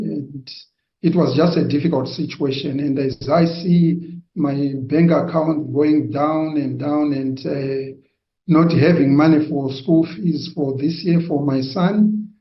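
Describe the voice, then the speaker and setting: A man from Zimbabwe tells his personal testimony slowly and hesitantly, pausing often. His voice sits a little high. It comes through an echoey, dull-sounding video call. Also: steady tone. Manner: slow, hesitant, many pauses and fillers. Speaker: testimony giver.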